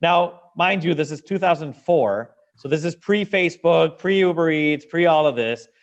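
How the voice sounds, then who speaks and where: Man from Venezuela, interview guest, higher voice, animated, repeats words, lo-fi line. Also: moderate pace. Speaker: guest, business founder. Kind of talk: interview conversation.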